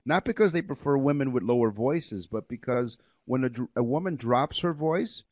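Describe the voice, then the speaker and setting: A man's voice: medium pitch, moderate pace, a little mellow, dry recording. A man hosting a comedy podcast, reading out odd facts with dry humor. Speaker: podcast host. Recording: dull lo-fi podcast audio.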